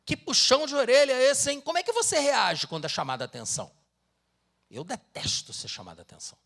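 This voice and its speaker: A middle-aged Brazilian pastor preaches, his high voice swooping through a wide, lively range. He tells stories in a conversational tone and reads scripture with dramatic force. His accent is Brazilian Portuguese. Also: quick pace, creaky. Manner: animated storytelling with dramatic Bible reading. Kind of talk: sermon.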